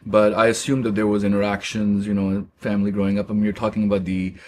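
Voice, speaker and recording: A man in his forties from Pakistan, a guest speaking haltingly in a casual interview, with many fillers and restarts. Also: on the low side, completely flat delivery, darkish tone, a little hiss or hum.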